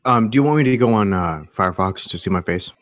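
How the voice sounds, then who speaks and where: A man's voice: on the low side, expressive, fast talker. A man playing in an online tabletop game, teasing and joking with the table. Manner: teasing, playful. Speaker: player.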